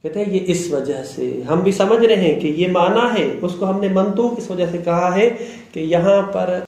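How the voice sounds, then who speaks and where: A man teaching a seminary lesson, explaining terms slowly, repeating them and checking that students follow. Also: high voice, darkish tone. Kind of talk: classroom lecture. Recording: very echoey room.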